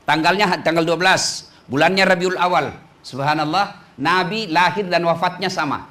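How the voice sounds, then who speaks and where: High-voiced joking male preacher. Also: moderate pace, sharp tone. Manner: joking, teasing the audience. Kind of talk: humorous sermon to women.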